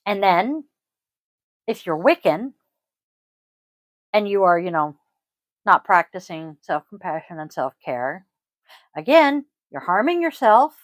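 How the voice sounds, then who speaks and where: A woman's voice: medium pitch, very animated, slow pace, long pauses, no echo. A middle-aged woman hosting a podcast in casual chat, chatty, laughing often and swearing casually. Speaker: podcast host, yoga teacher.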